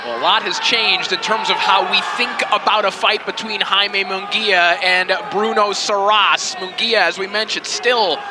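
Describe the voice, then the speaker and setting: A man's voice: sits high, steady tone, measured pace, hardly any pauses, heavy background noise. A man hosting boxing broadcast commentary as the lead commentator. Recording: loud music and roaring crowd behind.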